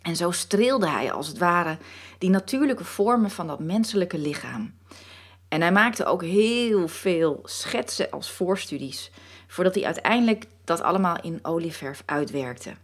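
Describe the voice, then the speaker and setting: A woman's voice: on the low side, lively intonation, slightly rough. A woman voicing a dreamy painted muse come alive. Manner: slow, wistful, softly mystical. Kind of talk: storytelling narration.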